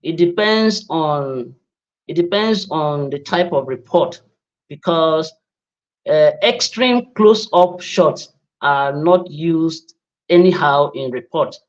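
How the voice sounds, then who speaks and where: A man, answering trainees' questions as a media trainer, halting and repeating words. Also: a little high, highs cut off.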